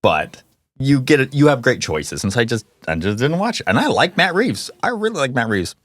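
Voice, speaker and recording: A man co-hosting a casual film podcast debate, animated and quick to laugh, with some swearing. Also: medium pitch, no echo. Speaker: podcast co-host.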